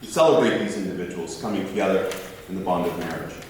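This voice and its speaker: A man's voice: low voice, fast. A man giving a best man's toast, telling stories in a jokey, theatrical way. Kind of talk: storytelling wedding speech to guests. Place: large indoor reception venue. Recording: echoey hall, distant, noisy background.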